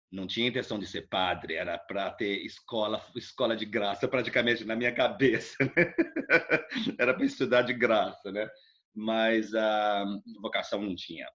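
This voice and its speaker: A middle-aged Brazilian man with a Brazilian Portuguese accent tells his life story as an interview guest, his fairly low voice coming through dull audio. He rambles in a relaxed, casual way and often uses tag questions.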